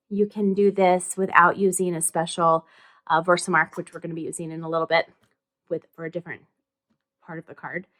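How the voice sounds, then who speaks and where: Bright, chatty woman hosting a craft tutorial. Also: mid-range voice. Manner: chatty and upbeat, thinking aloud while working.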